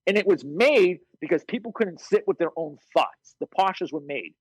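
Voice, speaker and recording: Man, fitness coach, podcast guest, husky, dry close sound, blunt and profane. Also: high-pitched, normal speed, dry recording, rough recording. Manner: blunt, profane, animated storyteller. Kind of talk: casual interview storytelling.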